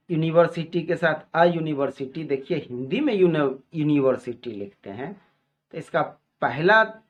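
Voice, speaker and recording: A man teaching English grammar, explaining slowly and deliberately and spelling out example sentences. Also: a little high. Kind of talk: explanatory lesson in Hindi. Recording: dull lo-fi recording.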